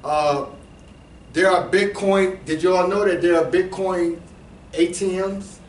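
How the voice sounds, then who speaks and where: Talking loosely to a small live group about cryptocurrency, this man uses slang, keeps restarting, and addresses side comments to the listeners. He has a high-pitched, steady, unhurried voice, recorded from afar in an echoey room with a faint background hum.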